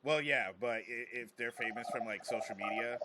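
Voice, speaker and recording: A comedian with a medium-pitched voice hosts a casual podcast chat, talking fairly quickly. He rambles, jokes, and uses lots of slang. There's heavy background noise.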